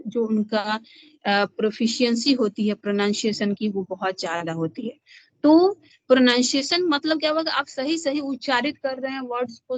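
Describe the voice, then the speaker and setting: A woman's voice: a little high, no echo. A woman teaching an online class, who mixes Hindi and English and asks and answers her own questions. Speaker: teacher-educator. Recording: dull lo-fi online class audio.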